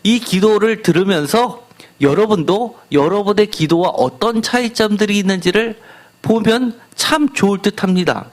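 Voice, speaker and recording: A man's voice: high voice, normal speed. A man preaching a sermon as pastor, putting rhetorical questions to the congregation.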